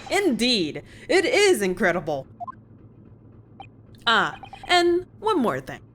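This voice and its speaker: A woman's voice: on the high side, huge pitch swings, takes it slowly, a bit bright, slight background noise, exaggerated voice. A woman doing a pompous showman detective. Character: grand, theatrical male detective, self-assured.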